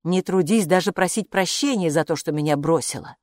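A woman voicing a magical talking bathrobe, a calm male know-it-all who speaks in an unhurried, patronizing way in a storybook. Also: lowish voice, no room sound, clean studio sound, natural voice. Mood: sly patronizing. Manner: unhurried, patronizing, calls her "friend".

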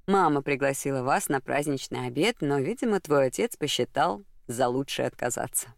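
An audiobook reader playing a gentle, earnest man in love, speaking in a soft, caring, serious tone. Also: mid-range voice, lively intonation, moderate pace, creaky, no echo, clean studio sound. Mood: tender, earnest.

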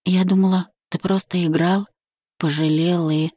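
A woman reading the part of a proud young wife who is defiant, indignant and hurt, voiced higher and louder than the narration. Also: steady tone, unhurried, no room sound, studio quality. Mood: hurt, pleading. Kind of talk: audiobook reading.

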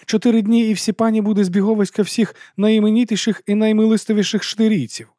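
A man reading an audiobook and voicing a sharp, impatient woman schemer with a clipped, scornful delivery. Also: sits high, little pitch movement, fast, no echo, studio quality, pitched above the performer's own voice, natural voice. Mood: brisk, scornful. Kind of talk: audiobook character voice.

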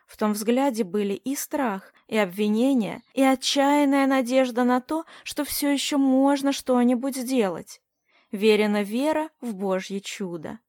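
A woman reading a novel aloud as an audiobook narrator, in a measured, even storytelling manner. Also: fairly high pitch, no echo, clean studio sound.

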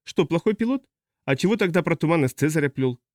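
A man's voice: lively intonation, fast, darkish tone, dry recording, studio quality, natural voice. A man doing a jittery prim customs officer. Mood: nervous. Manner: high, fretful, fussy. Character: nervous young male customs officer, prim.

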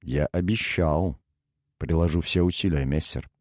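A man's voice: a bass voice, measured pace, darkish tone, no room sound, clean studio sound, pitched below the performer's own voice. A man voicing an obsequious, scheming servant who deferentially calls his master "messer". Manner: deferential, ingratiating. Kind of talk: audiobook character reading.

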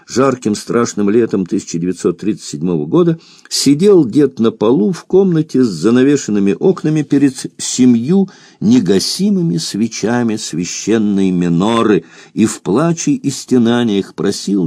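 A man narrating a novel as an audiobook in expressive, varied intonation. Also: mid-range voice, no echo, studio quality.

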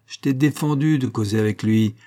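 A man reading aloud, voicing a gruff, stubborn older father who scolds and refuses curtly in a rough voice. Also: medium pitch, moderate pace, mellow, lightly acted. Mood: angry scolding. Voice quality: rough, growling. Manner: scolding, curt and domineering.

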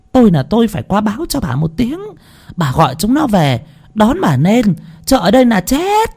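A man doing a shrill shouting old village woman. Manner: shouting, high-pitched, urgent. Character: loud anxious old village woman neighbor.

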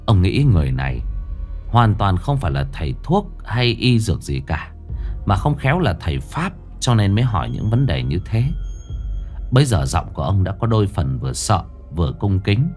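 Một người đàn ông kể truyện ma, giọng kể sinh động và kịch tính. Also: male voice, low voice, very animated, moderate pace, a little mellow, faint music behind. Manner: dramatic, vivid. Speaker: storyteller. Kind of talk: ghost story narration.

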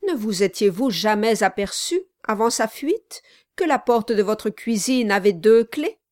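A woman's voice: medium pitch, expressive, measured pace, a little mellow, no room sound, clean studio sound, lightly acted. A woman voicing a formal, triumphant male notary who speaks firmly and emphatically, in an audiobook. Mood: stern. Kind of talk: audiobook reading.

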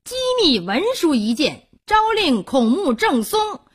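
A woman storyteller voicing a stern male attendant who announces orders in a formal, commanding way, in a husky voice. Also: sits high, big pitch swings, a little slow, pitched above the performer's own voice, full character voice.

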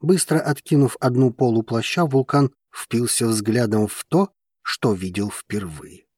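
A man narrating an audiobook in a measured, even reading manner. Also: medium pitch, husky, no room sound, clean studio sound.

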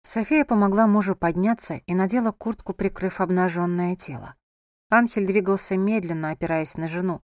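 A woman narrating a novel in a measured, even storytelling voice. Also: lowish voice, dry recording, studio quality. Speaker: audiobook narrator.

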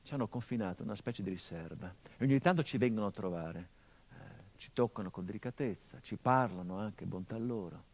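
On radio, a middle-aged actor delivers a theatrical monologue as the bereaved son of a slain journalist, speaking a little fast in a voice on the low side. His tone stays brooding and bitter, alternating hushed lines with impassioned ones.

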